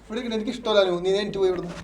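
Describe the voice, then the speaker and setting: Rapid, high-voiced insistent man. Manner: insistent, repeating short commands. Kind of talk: heated casual argument. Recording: noisy crowd around.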